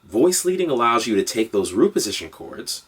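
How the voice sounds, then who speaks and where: A man's voice: mid-range voice, sing-song, moderate pace, fairly bright tone, husky, recorded from a distance. A man giving an upbeat, direct online lesson on piano harmony. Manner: upbeat, direct instructional delivery. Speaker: music teacher.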